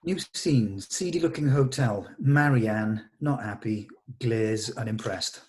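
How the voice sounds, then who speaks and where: Leading a table read, this man narrates the stage directions slowly in a voice on the low side with a slightly mellow quality. His delivery is informal, matter-of-fact, and a bit hesitant.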